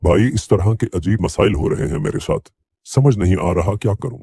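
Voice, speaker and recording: A man's voice: fairly low pitch, normal speed, creaky, warm tone, husky, no echo. A man narrating and playing the lead in a dramatized story, worried and pleading.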